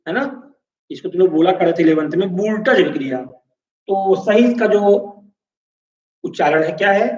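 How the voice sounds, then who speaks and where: Male chemistry teacher, lecturing step by step with constant check-ins; high voice, roomy echo. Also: a little mellow. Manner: explains step by step, checking in with "है ना" and "ठीक है"; asks the class questions and answers them himself. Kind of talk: classroom lecture. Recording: echoey room, distant mic, dull lo-fi sound.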